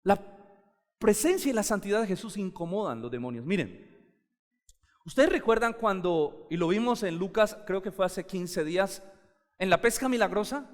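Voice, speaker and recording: A man's voice: sits high, lively intonation, normal speed, long reverb tail. A male pastor preaching a sermon in a conversational way, often asking the congregation questions.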